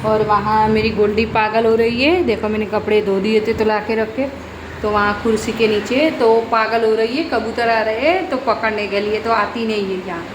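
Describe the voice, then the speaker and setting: A woman's voice: a little high, fairly even intonation, normal speed, noisy background. A woman narrating her day at home in a chatty family vlog, coaxing her pet now and then. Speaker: family vlogger.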